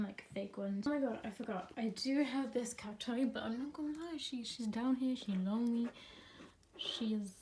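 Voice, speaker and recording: Young woman rambling about stuff at home, lots of "like", sometimes whispers, bit high and soft, faint hiss behind. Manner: chatty, rambling, lots of fillers, drops into whispers. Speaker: plant vlogger. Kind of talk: casual chat. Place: home, indoors.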